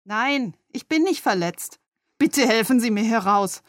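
A woman's voice: on the high side, animated, a little slow, no room sound. A cautious young woman caught in an awkward rescue, voiced by a woman reading aloud. The delivery is plain and earnest, in a dry, close-up sound. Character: young woman from the city, wary. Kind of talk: read-aloud novel dialogue.

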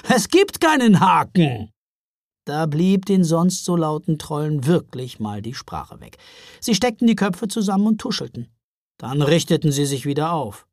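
A woman narrating a children's storybook in a lively, expressive way. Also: low-pitched, normal speed, no room sound, clean studio sound. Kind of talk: storybook reading.

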